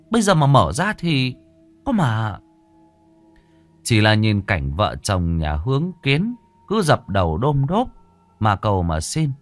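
A man narrating a ghost story in a suspenseful, expressive way. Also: medium pitch.

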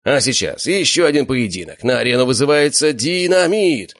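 A man's voice: expressive, normal speed, no room sound, clean studio sound, natural voice. A man voicing a bombastic male fight-arena announcer who roars to the crowd in an audiobook. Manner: booming, showman shouting. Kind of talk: audiobook character voice.

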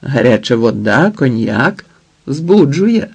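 A man's voice: medium pitch, sing-song, slow pace, gravelly, breathy edge, exaggerated voice. A man reading the eager, leering lines of a pushy, lecherous bald man.

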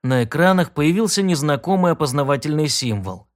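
A man narrating a science fiction audiobook in steady storytelling. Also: fairly high pitch, a little fast. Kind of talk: scripted narration.

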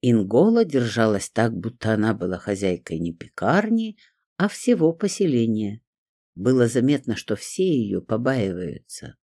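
A man narrating a fantasy audiobook in an expressive storytelling manner. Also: mid-range voice, normal speed, no echo, clean studio sound.

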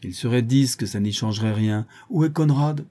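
A man's voice: mid-range voice, moderate pace, dark tone, lightly acted. A man voicing a drunk, mocking middle-aged villain who taunts his captive in an audiobook. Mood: sly scheming. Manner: sneering, jovial, taunting. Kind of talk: audiobook character voice.

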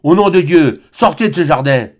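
A man's voice: a little high, lively intonation, moderate pace, pitched above the performer's own voice. A man voicing a zealous, furious friar who condemns in a thundering voice. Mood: condemning.

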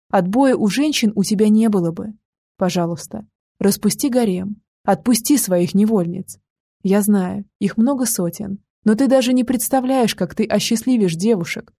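A woman voicing a grieving mother who pleads softly and earnestly with her grown son, in an audiobook. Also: medium pitch, moderate pace, breathy edge, dry recording. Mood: pleading.

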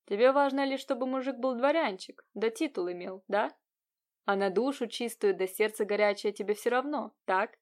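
A woman's voice: on the high side, moderate pace, natural voice. Woman voicing a brooding young peasant man. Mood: bitter.

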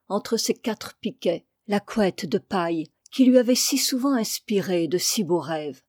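A woman narrating a literary audiobook in a measured, expressive reading voice. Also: mid-range voice, no room sound, clean studio sound. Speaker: audiobook reader.

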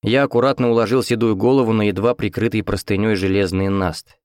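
A man narrating an audiobook in the first person with a steady, even reading. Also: on the low side, quick pace, clean tone, no echo, clean studio sound. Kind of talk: scripted narration.

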